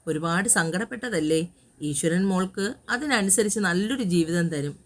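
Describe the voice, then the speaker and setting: A woman voicing a caring, protective older uncle who talks with gentle fatherly reassurance in an audio story. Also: lowish voice, lively intonation, moderate pace, close to an everyday voice. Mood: consoling.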